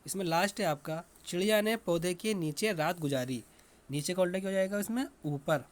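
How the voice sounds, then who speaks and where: Male teacher, slightly high voice, slow repetitive dictation for a children's lesson.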